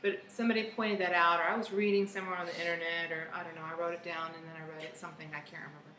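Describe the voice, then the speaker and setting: A woman's voice: lowish voice, flat delivery, very fast, pushed and bright, roomy sound, slight background noise, poor audio. A bubbly, giggly woman co-hosting a casual whiskey tasting chat in a bar's party room. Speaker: co-host.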